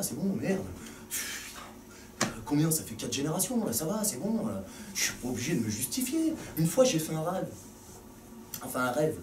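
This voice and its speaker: A man from Grenoble performing a stand-up comedy set with quick, mocking, self-deprecating banter on a stage with a live audience. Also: a little high. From France, Grenoble. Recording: echoey hall from far off, loud crowd laughter and noise.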